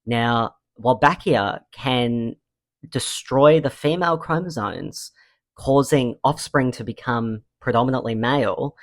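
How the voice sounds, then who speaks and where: A man's voice: mid-range voice, measured pace, dry recording. A man presents an informal, enthusiastic, sweary science explainer into a small handheld mic. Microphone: small handheld mic held close to the mouth.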